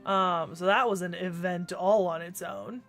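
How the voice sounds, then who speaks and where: A woman's lowish voice, fairly even in intonation and measured in pace, carries casual livestream chatter as she plays a video game to soft background music. Congested with a cold, she rambles, restarts a lot, and swears occasionally.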